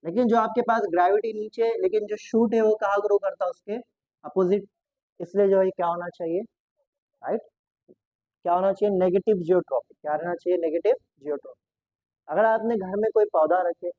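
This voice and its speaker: High-voiced man teaching biology. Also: fairly even intonation, fairly quick, no room sound, dull audio. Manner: asks questions and answers them himself, repeats key terms; Hindi mixed with English science terms. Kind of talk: exam-prep lecture.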